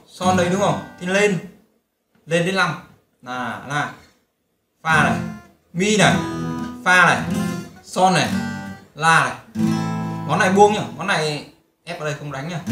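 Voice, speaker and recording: Man teaching guitar over loud strumming. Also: fairly high pitch. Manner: chatty, explains chords while singing hymn lines. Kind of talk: casual guitar lesson, talking and singing. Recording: roomy sound with loud guitar. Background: loud guitar playing.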